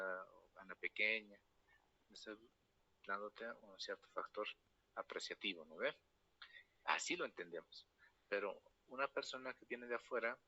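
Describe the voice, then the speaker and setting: A man from La Paz, speaking Bolivian Spanish, gives a university lecture in a fairly low, sharp-toned voice, with the high frequencies cut off. He adds a tag question for his students after almost every phrase and drifts into storytelling asides.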